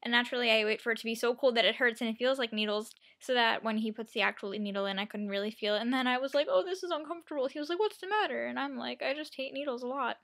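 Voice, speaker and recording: A young woman with a fairly high voice talks like a vlogger catching up her viewers. She rambles through her story in a casual, self-deprecating way, slipping into quotes of herself and other people. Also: level tone, quick pace, few pauses, a bit bright. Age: young adult. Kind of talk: casual chatty personal storytelling.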